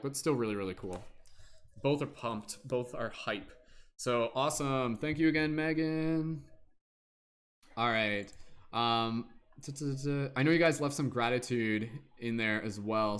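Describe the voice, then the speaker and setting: A man's voice: medium pitch, a bit bright. A man hosting a casual livestream as a tarot reader, chatty and upbeat, humming and scatting to himself between remarks. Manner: chatty, upbeat, hums and scats to himself while waiting. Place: in Canada.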